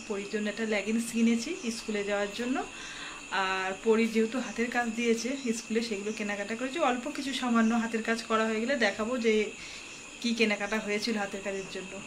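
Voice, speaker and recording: Hushed woman vlogging from her kitchen. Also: steady tone, fairly quick, noisy background. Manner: hushed, keeps her voice low. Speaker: family vlogger. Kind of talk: casual home vlog chat. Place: home kitchen. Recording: crickets chirping behind.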